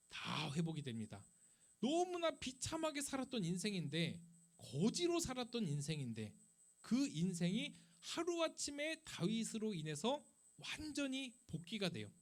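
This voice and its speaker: Male youth pastor, high and animated, chatty sermon full of rhetorical questions. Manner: lively, conversational preaching with rhetorical questions; acts out quoted speech. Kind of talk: sermon to a middle school youth group. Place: church worship service.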